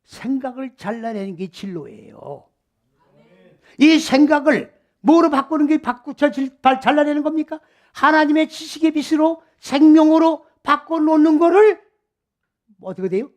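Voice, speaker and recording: High-voiced Korean pastor preaching emphatically. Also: male voice, animated, moderate pace. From South Korea. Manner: emphatic, rhetorical questions to the congregation. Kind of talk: expository sermon.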